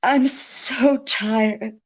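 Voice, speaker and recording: A woman's voice: fairly high pitch, fairly even intonation, drawn-out words, fairly bright tone, full character voice. A woman playing a seductive, lying femme fatale in a radio detective drama, with a sultry, world-weary manner. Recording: dull lo-fi radio recording.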